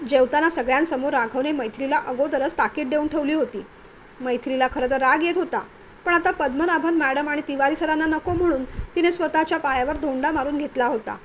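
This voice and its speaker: A woman storyteller narrating a family novel in a steady, expressive reading voice. Her voice sits high. A faint hum runs underneath. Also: fairly quick.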